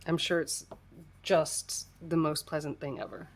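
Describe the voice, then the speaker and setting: At a measured pace, an American woman from the United States hosts a crafting livestream in a low, steady voice. She chats casually and self-deprecatingly while working, laughing often and sounding a little congested. A bit of hiss or hum can be heard.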